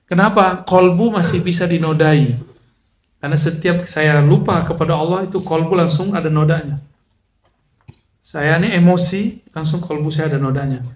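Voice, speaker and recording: Preacher guy, slightly high voice, chatty with jokes, echoey hall. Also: moderate pace. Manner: chatty, joking asides, Arabic recitation mixed in. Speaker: Islamic preacher. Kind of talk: casual religious lecture.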